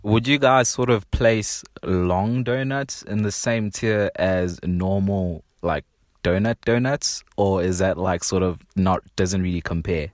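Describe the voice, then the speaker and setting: A man's voice: sits low, measured pace, no echo, studio quality. A man co-hosting a podcast, chatting in laid-back slang and asking long, rambling questions. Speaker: podcast co-host. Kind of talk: casual podcast chat.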